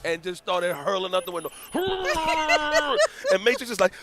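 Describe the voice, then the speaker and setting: A man's voice: high-pitched, a little slow, gravelly, very noisy. A man commentating a fighting game tournament in casual chat, telling stories with slangy, laughing delivery. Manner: animated storytelling, laughing, slangy.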